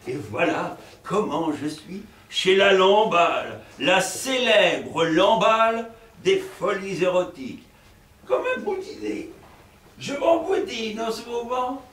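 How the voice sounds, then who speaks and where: A male stage actor playing a fussy, lecherous middle-aged provincial professor in a live farce, with theatrical, excitable delivery and chuckling asides to the audience. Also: high-pitched, slow, heavily acted. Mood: comic. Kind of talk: live stage comedy performance. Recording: roomy stage sound from a distant mic.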